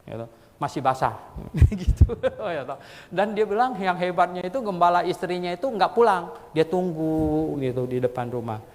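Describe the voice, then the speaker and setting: A male pastor preaching a sermon in a colloquial, lively storytelling manner, his voice leaping high when he acts out quotes. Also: moderate pace. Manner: colloquial Jakarta-style speech with frequent "gitu". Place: church hall. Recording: long church hall reverb.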